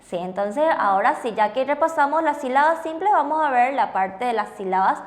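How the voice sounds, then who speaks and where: A woman's voice: high-pitched, animated, a little fast. A woman teaching a language lesson, patiently explaining steps and confirming answers with her co-teacher. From Paraguay. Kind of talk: classroom explanation with questions.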